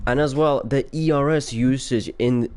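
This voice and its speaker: A young man from Poland, a racing league commentator, talks casually on a voice call before he commentates a race; he hasn't slept and sounds tired. His Polish accent has Finnish mixed in, and his clean-toned voice sits at medium pitch with a moderate pace. He rambles, laughs often, and his words fade out quietly.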